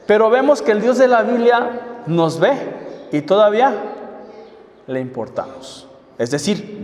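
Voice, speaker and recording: A man's voice: high voice, a little mellow. A man preaching a sermon, asking the congregation one rhetorical question after another. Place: church hall. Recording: echoey hall from far off.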